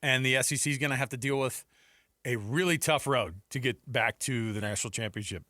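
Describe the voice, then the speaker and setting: An American man hosts sports radio into a close studio headset mic, chatting casually with rhetorical questions and asides. His medium-pitched voice runs a little fast, bright and forceful, with no echo.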